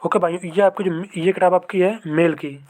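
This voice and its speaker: In a high-pitched, darkish voice with a steady tone and moderate pace, a young man explains mock test scores and cut-offs. A fellow candidate hosting an exam-prep video, he's informal and repetitive, addressing viewers as brothers and checking in with frequent "okay"s.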